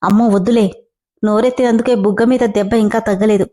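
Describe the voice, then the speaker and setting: A woman's voice: mid-range voice, steady tone, quick pace, warm tone, close to an everyday voice. A woman reading the lines of a naive young female employee who whines and complains. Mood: whiny. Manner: whiny, gullible.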